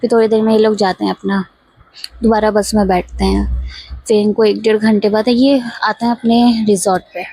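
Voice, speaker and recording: Gravelly-voiced woman telling a story. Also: medium pitch, normal speed, rough recording. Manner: relaxed retelling with quoted dialogue. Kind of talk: casual story narration.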